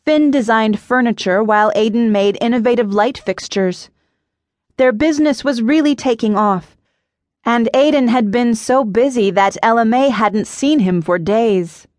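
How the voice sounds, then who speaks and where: A woman narrating an audiobook in a measured, even storytelling manner. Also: on the high side, dry recording, studio quality.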